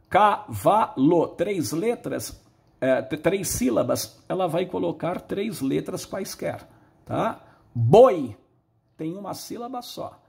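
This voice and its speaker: Man teaching a lesson, higher voice, patient and explanatory, stretches out example words. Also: vocal fry, darkish tone. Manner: patient, explanatory, drawn-out words when modeling. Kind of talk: recorded lesson on early literacy.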